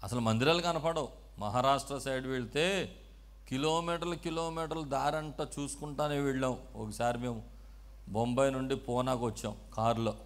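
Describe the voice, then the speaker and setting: A male pastor giving a call-and-response sermon, moving between quiet explaining and loud shouted preaching as he has the congregation repeat his words. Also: mid-range voice, fairly even intonation, normal speed. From South India.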